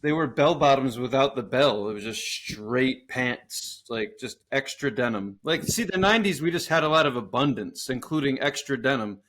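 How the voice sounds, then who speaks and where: A man in his forties trades casual podcast banter, his humor crude and his laugh never far away. His voice sits at an ordinary pitch for a man. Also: lively intonation, normal speed, hardly any pauses, a bit bright. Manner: crude, joking, laughs often. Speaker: podcast co-host.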